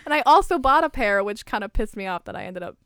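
A young woman from Canada telling a story in casual chat, excited, swearing freely and laughing as she goes. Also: mid-range voice, fast talker, clear, resonant tone, no echo, clean studio sound. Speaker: podcast co-host.

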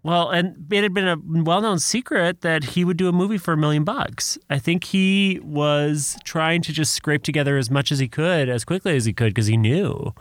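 A man's voice: a little high, moderate pace, hardly any pauses, no echo. A man co-hosting a comedy podcast, rambling and laughing often as he banters. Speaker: podcast co-host.

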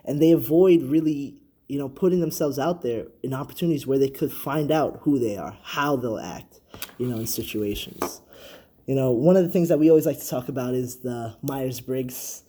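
A man's voice: mid-range voice, moderate pace, dark tone, husky. A young man co-hosting a casual podcast, easygoing and reflective, laughing along. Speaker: podcast co-host.

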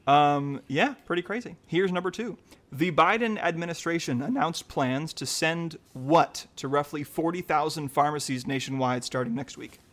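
A man hosting a casual news trivia quiz, upbeat and chatty, reading questions out slowly. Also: fairly high pitch, a bit bright. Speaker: quiz host.

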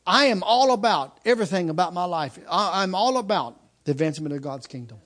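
A man in his mid-fifties preaches to his congregation, his voice sitting notably high for a man. He hammers his points with repetition, circling back on phrases and restarting sentences as he goes. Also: animated, brisk, fairly bright tone. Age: 50s. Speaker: pastor. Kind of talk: sermon.

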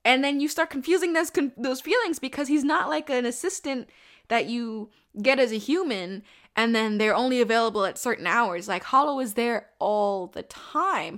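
A young woman talks through a show in a loose, rambling review, her voice sitting a little high. She gets animated, drops casual swears and slips into mocking voices for the characters. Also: normal speed.

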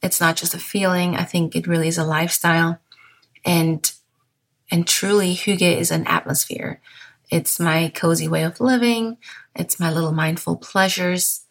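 A woman in her thirties from Bavaria in southern Germany hosts a calm podcast monologue in English with a German accent. Her slightly low voice takes on a gravelly fry at the ends of phrases, and she speaks softly at an unhurried, moderate pace with small restarts.

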